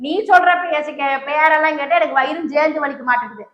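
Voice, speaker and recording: A woman's voice: high-pitched, fast, reverberant, dull audio. A woman playing a fussing village mum. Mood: puzzled. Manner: exclaiming, fussing, bargaining loudly. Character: fussy, doting village mother, middle-aged. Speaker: comedy skit actor. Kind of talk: comic sketch acting.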